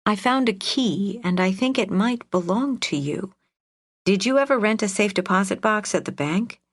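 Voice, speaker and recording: A woman's voice: mid-range voice, lively intonation, normal speed, voice pushed up. A woman doing a nervous, polite young woman. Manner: polite, hesitant.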